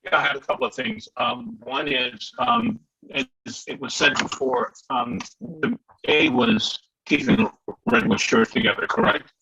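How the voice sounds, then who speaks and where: A man serving as a commissioner, asking halting questions in a public meeting over a video call whose audio keeps breaking up. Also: on the high side, sing-song, gravelly, bright, forceful tone, slightly rough. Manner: halting, searching for words. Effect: choppy breaking-up call audio. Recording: dull lo-fi video call line.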